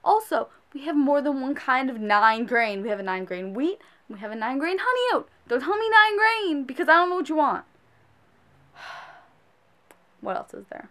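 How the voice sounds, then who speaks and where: Woman, high voice, casual rant, exasperated, scolding, emphatic, fed-up shop worker. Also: sing-song, moderate pace, a bit bright.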